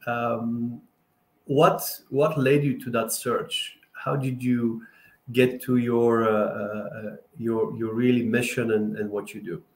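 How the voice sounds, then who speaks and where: A man's voice: mid-range voice, level tone, slow pace. A man hosting a podcast interview, speaking hesitantly with many restarts. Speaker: podcast host. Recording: echoey room.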